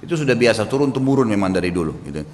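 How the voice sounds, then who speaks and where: A man preaching in a storytelling style, acting out the people in his story with big swings in pitch and loudness. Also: very fast, a little hiss or hum. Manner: animated, acts out quoted speakers with big pitch swings. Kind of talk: storytelling sermon. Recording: long hall reverb.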